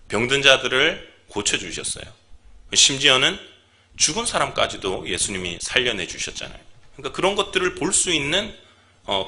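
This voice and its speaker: A man's voice: mid-range voice, bright, forceful tone. A man preaching a sermon as pastor, speaking to his congregation, asking them questions and acting out the people in his story. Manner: engaging, asks the congregation questions. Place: church.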